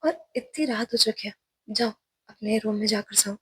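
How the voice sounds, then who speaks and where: A woman's voice: mid-range voice, moderate pace, a bit bright, husky, no room sound. A woman voicing a stressed, short-tempered young professor and mother in a storybook reading, snapping irritably. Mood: angry.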